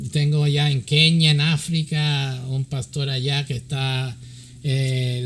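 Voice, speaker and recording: Switching between English and Spanish, this middle-aged man, a native English speaker, teaches informally in slow, hesitant Spanish full of fillers. He's a pastor who also counsels pastors, and his voice sits on the high side.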